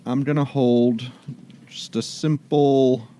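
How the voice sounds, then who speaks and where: A man's voice: mid-range voice, fairly even intonation, slow, dark tone. A man playing a tabletop game, chatty and thinking his moves through aloud with many fillers. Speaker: player. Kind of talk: casual tabletop game play.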